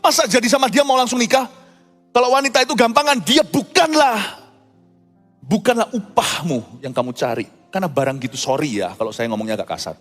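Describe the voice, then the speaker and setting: Middle-aged man, lively joking pastor voice, faint music under a reverberant church hall. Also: high voice, a little fast. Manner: animated, joking and folksy. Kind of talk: sermon.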